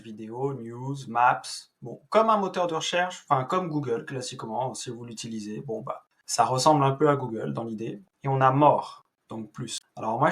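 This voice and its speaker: A man's voice: mid-range voice, a bit bright. Chatty man walking through a tech demo. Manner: chatty, hesitant, with many fillers and restarts. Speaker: tech video host. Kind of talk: casual screen-recorded walkthrough.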